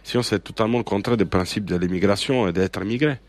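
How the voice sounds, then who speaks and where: Low-voiced man, emphatic. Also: fast, dry recording. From Sardinia, Italy. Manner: emphatic, opinionated, with many hesitations. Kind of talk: radio interview conversation.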